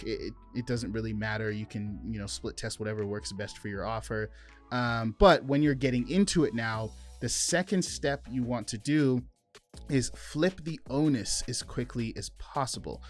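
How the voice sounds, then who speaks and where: A man teaching sales calling in a conversational way, explaining step by step and acting out example phone lines. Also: mid-range voice. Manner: demonstrates call scripts by acting out both sides. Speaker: sales coach. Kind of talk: sales training talk to camera.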